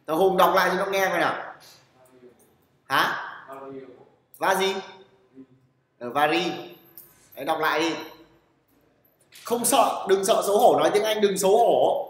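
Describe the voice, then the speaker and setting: A programming teacher speaks at a moderate pace with long pauses, his high voice a bit bright. He's blunt and teasing, repeatedly checking on his students and calling on them, while the echoey room adds long reverb.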